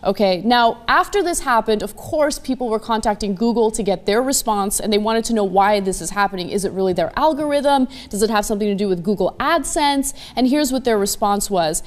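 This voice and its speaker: A woman co-hosting a panel talk at an ordinary mid pitch. She puts her questions carefully and softens them with apologies. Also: lively intonation, a little fast, hardly any pauses. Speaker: co-host.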